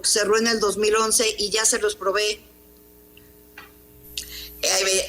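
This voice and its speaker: A woman's voice: medium pitch, bright, forceful tone. Emphatic Mexican woman journalist. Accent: Mexican Spanish. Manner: emphatic, indignant, rhetorical questions. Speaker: journalist and columnist. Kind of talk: interview on news program.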